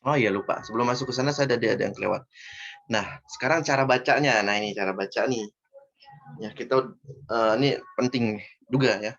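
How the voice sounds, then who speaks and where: A man teaching a recitation lesson over an online call. He explains patiently, step by step, and slows down to model each word. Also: mid-range voice, creaky, fairly bright tone, lo-fi sound. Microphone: video call.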